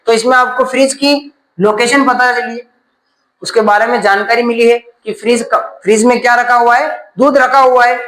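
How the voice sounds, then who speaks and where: A man's voice: very high-pitched, a bit bright, reverberant, rough recording. A man teaching a grammar class, asking questions and then answering them himself.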